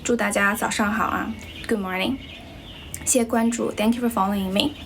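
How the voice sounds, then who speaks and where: Answering viewers on her English-teaching livestream, this young Guizhou native talks fairly quickly in a medium-pitched voice. Her Chinese accent carries a slight American tinge, and her relaxed, chatty style is full of fillers such as "um" and "you know," over slight background noise.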